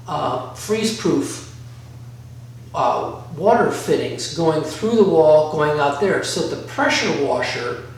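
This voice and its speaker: A man giving a casual instructional walk-through, rambling a little as he thinks aloud. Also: on the high side. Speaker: DIY vlogger. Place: bare concrete-floored workshop room by a garage. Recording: very echoey room, distant mic, faint noise.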